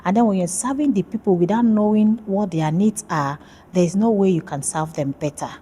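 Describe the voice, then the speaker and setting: A woman's voice: medium pitch, moderate pace, warm tone, slightly rough. A woman from Nigeria, a PhD student, talking about her research in a casual interview, friendly and hesitant with many fillers.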